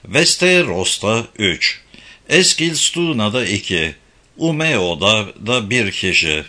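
A man narrating a novel as an audiobook with expressive, animated reading. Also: on the low side, takes it slowly. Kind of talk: scripted narration.

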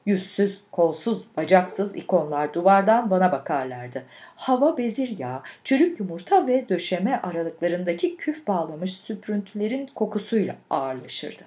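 Female audiobook reader, expressive and lively in pitch, measured delivery. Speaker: audiobook narrator. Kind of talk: literary audiobook reading.

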